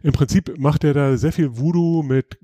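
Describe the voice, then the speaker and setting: A man hosting a podcast in casual chat, explaining things in a relaxed way with frequent hesitations and restarts. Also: fairly high pitch, normal speed, no room sound, studio quality. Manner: relaxed, explanatory, many filler sounds and restarts. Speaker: podcast host.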